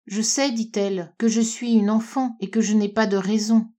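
A woman's voice: mid-range voice, fairly even intonation, moderate pace, mellow, natural voice. A woman voicing a sad, dreamy little girl who longs for her mother, in a plaintive, pleading way in a storybook reading.

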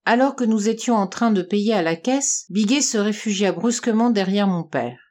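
A woman reads a first-person literary story aloud. Her delivery is measured and even, at a middling pitch. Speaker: audiobook reader.

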